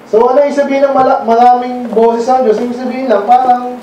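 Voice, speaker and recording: A man's voice: extremely high pitch, steady tone, a little fast, dark tone, dull audio, a little hiss or hum. A man from the Philippines giving a conversational sermon as preacher, often stopping to quiz the congregation with questions. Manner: quizzes the congregation with frequent questions. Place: church hall. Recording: very echoey hall, mic far off.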